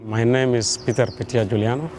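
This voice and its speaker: A man from South Sudan, a youth delegate, speaking in a measured, hesitant way in an interview. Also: medium pitch, steady tone. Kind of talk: interview testimony. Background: music.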